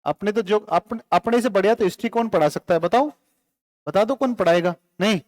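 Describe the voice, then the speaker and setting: A male teacher giving a live classroom lecture, firing quick questions at students and joking with the class. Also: high voice, a little mellow.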